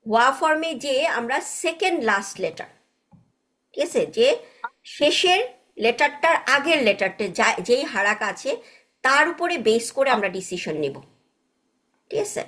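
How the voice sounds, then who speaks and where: A woman's voice: sits high, animated, moderate pace, long pauses, a bit bright. A woman teaching Arabic grammar in an online class, patiently checking understanding with frequent tag questions and mixing English words into her explanations.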